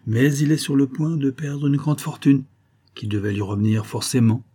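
A man reading an audiobook, voicing a smooth-talking older viscount with falsely affectionate manners. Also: mid-range voice, moderate pace, warm tone, pitched above the performer's own voice, natural voice. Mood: honeyed.

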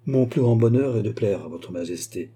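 A man voicing a smooth, scheming royal finance minister who speaks in a courtly, assured manner. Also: fairly low pitch, expressive, normal speed, mellow.

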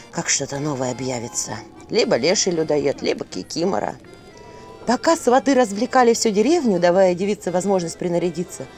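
Woman storyteller, folk tale, lively, animated pitch. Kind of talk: expressive folk-tale narration.

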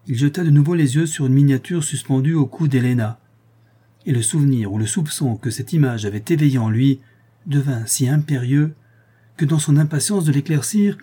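A man narrating an audiobook in a measured, dramatic storytelling manner. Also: medium pitch, dark tone, husky. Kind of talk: scripted narration of a gothic novel.

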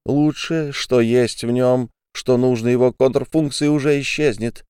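A man reading an audiobook, voicing a furious, bitter young woman who hurls accusations in a shrill voice. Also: moderate pace, a little mellow, smooth, dry recording, clean studio sound, natural voice.

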